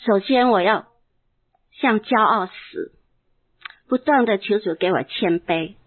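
A woman pastor giving an earnest, emotional personal testimony in a sermon, reading scripture slowly and deliberately. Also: mid-range voice. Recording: tinny phone-like sound.

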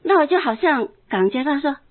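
Woman pastor, fairly high voice, earnest emotional testimony, slow deliberate scripture reading, thin phone-line sound. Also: expressive. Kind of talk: personal testimony sermon.

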